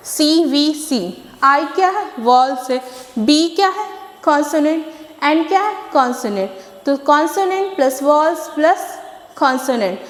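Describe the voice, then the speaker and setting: A woman teacher from India giving an online English phonics class, patiently repeating words and asking rhetorical questions. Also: sits high. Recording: echoey room with long reverb.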